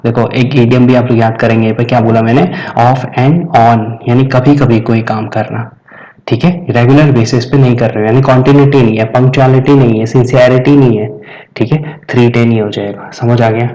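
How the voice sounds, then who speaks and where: Mellow-voiced man teaching vocabulary. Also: mid-range voice, fairly even intonation, moderate pace, rough recording. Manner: explains patiently, repeats questions and answers for students. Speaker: English teacher. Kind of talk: vocabulary lesson.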